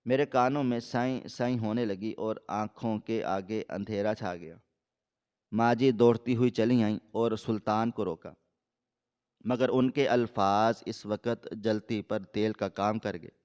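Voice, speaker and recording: Male storyteller, first-person story narration, steady dramatic reading, smooth voice, dull lo-fi recording. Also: fairly low pitch.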